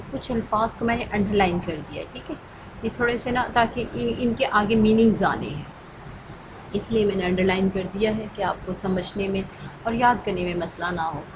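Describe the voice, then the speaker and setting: A woman school teacher explains a lesson to children patiently, often checking in with them. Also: medium pitch. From Pakistan. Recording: recording with clear background noise.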